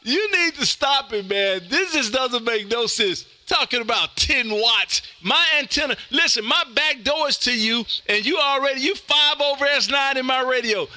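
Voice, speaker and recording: Boisterous and folksy, a man hosts amateur radio calls from his home radio room, live streaming his animated contacts and joking with them. His very high voice is sharp and expressive, at a moderate pace with few pauses, in a dry recording.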